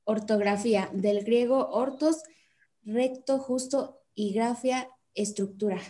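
A woman's voice: a little high, slow pace, mellow. A woman narrating a recorded lesson in a formal, definitional way. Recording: faint background noise.

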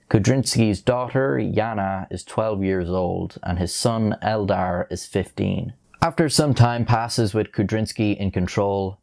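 A young man giving a measured, grave scripted narration of an air disaster, speaking into a lapel mic in a dark studio. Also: lowish voice, gravelly. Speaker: documentary narrator.

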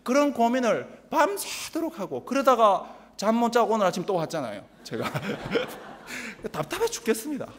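A man from Busan with a Gyeongsang accent, preaching a sermon as pastor, telling humorous stories with animated mimicry. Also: high voice, unhurried. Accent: Gyeongsang Korean. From Busan, South Korea. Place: large church sanctuary. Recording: long church reverb.

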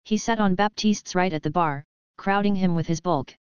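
Low-voiced woman reading a story. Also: moderate pace, clear, resonant tone, dry recording, lo-fi sound. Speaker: narrator. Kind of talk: scripted narration.

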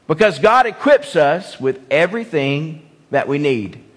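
Pastor, male, high-pitched, emphatic sermon delivery in a long-reverb sanctuary. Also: lively intonation, unhurried. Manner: emphatic, repeats key phrases, asks the congregation questions. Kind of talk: evening sermon. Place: church sanctuary.

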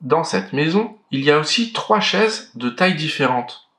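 A man reading a children's story aloud, clear and expressive. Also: on the high side, moderate pace. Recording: roomy echo.

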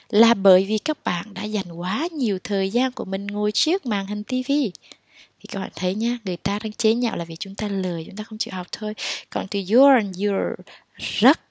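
A woman's voice: medium pitch, expressive, gravelly, a little mellow, no room sound. Vietnamese woman teaching English casually. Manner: explains in Vietnamese, reads English lines slowly. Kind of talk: casual online English lesson.

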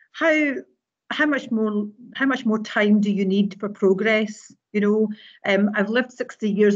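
A woman speaks earnestly on a video call, repeating words as she gathers her thoughts. Her voice comes through a headset with slightly muffled, lo-fi sound. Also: mid-range voice. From Scotland. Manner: earnest, laughs easily, repeats words when thinking. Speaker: teacher educator. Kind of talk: webinar panel discussion. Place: home room on a video call.

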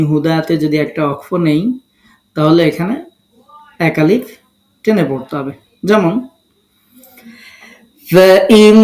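A Quran recitation teacher from Bangladesh giving a step-by-step lesson, breaking words into syllables and spelling out each rule deliberately. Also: mid-range voice, darkish tone, roomy sound.

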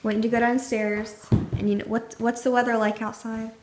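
A woman's voice: a little high, level tone, a little fast, noisy background. A young woman vlogging at home, chatty and upbeat, rambling with fillers. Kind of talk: casual vlog chat. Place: at home, indoors.

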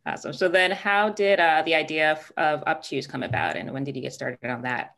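Woman, low pitch, podcast host, upbeat and encouraging, webcam call. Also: fairly quick, creaky, a bit bright. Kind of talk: podcast interview on a video call. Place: indoors, plain wall behind. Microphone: webcam on a video call.

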